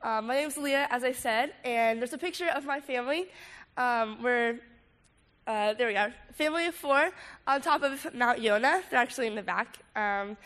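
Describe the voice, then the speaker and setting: A young woman speaks through a stuffy nose, audibly congested and sick. She gives an informal testimony talk in a casual, youthful, halting way, as a student speaker addressing a group. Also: a little high, a bit bright. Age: late teens.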